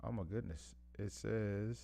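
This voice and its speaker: A man hosting a casual live stream, rambling in relaxed slang, chuckling between phrases and often losing his thread and starting over. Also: on the low side, a little slow, gravelly, a little hiss or hum. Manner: rambling, loses track and restarts often.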